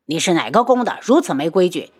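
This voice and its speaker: A man's voice: sits high, sing-song, moderate pace, fairly bright tone, exaggerated voice. A woman voicing an arrogant prince who speaks in a sneering, imperious way.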